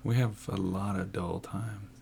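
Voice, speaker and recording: A man's voice: deep voice, fairly even intonation, a little slow, gravelly, darkish tone, a little hiss or hum. A man, co-hosting a casual podcast and joking around teasingly. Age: 40s. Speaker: podcast co-host.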